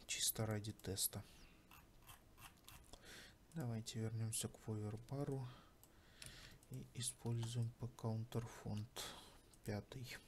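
Slow, flat-toned man thinking aloud. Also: fairly low pitch. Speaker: tutorial host. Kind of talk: casual screen-recorded tutorial, thinking aloud. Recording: faint background noise.

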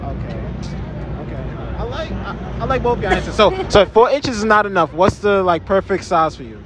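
A man's voice: sits high, sing-song, moderate pace. A man interviewing people on a busy city street at night, playful and laughing, repeating their answers back, with his phone held out as a mic. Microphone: phone held to speaker. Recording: loud crowd noise around.

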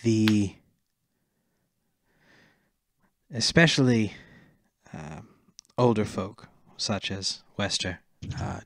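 A man voicing a gentle, earnest elf in a tabletop game, with a soft, slightly camp, formal manner. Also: fairly low pitch, dry recording, clean studio sound, pitched below the performer's own voice. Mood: grave, measured. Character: gentle, earnest male elf orchard keeper, formal and measured. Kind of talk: tabletop role-play.

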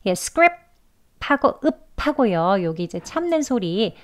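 Female phonics teacher, unhurried, medium pitch, patient drill style. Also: big pitch swings. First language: Korean. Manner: patient, repeats example sentences slowly. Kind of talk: slow spoken lesson.

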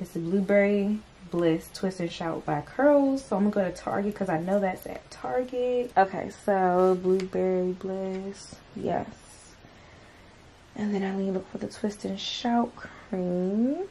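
Her voice is mid-range and dark, with a little noise behind it. She's a young woman in her twenties, a lifestyle vlogger talking casually to camera around her bedroom and kitchen, full of fillers and addressing viewers as "y'all."

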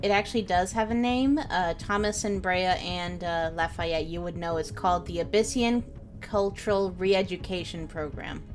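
A woman's voice: on the low side, steady tone, moderate pace. A woman casually narrating a tabletop game as its game master.

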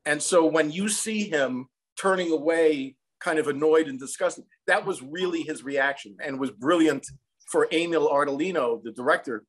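This American songwriter and film composer, in his sixties, is an interview guest on a video call from a small room at home. His voice sits a little high and moves at a moderate pace, and the recording quality is low. He tells anecdotes reflectively, in a conversational interview style.

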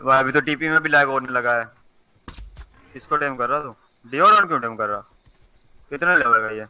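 A man streaming a multiplayer survival game, chatting casually, excitable and crude as he jokes and shouts commands at friends. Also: mid-range voice, brisk, smooth, low-quality recording.

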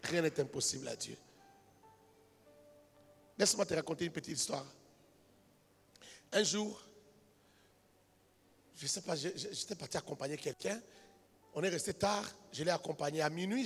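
A man preaching a sermon as a pastor, telling a story quietly and then building up to shouted, half-sung exhortation. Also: a little high, slightly rough. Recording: reverberant hall with music behind.

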